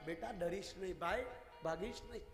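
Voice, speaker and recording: A man voicing a kind, booming male god who reassures and calls out loudly, recorded in an echoey hall with faint music. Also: steady tone, normal speed. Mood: reassuring.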